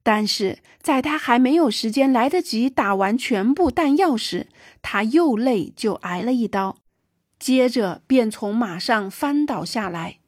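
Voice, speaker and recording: Female audiobook narrator, fairly high voice, dry close recording, livens up for dialogue. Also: expressive, unhurried, no room sound. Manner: raises pitch and volume for quoted dialogue. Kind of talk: scripted narration.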